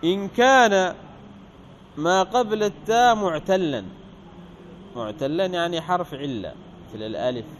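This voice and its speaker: A male teacher reading a grammar text aloud and explaining it, asking the class questions and slowing down to stress example words. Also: high voice, expressive, a little hiss or hum.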